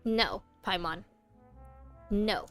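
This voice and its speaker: A young adult woman with a mid-range voice streams a game, speaking extremely slowly over background music. She chats casually, reading along and reacting with playful teasing and some mild swearing, in the style of let's play commentary.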